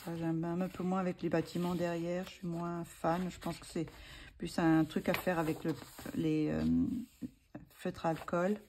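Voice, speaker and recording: A woman's voice: on the low side, flat delivery, unhurried, darkish tone, a little hiss or hum. A woman talking casually as a vlogger, hesitant and full of fillers as she thinks aloud. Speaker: vlogger showing coloring books. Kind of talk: casual chat.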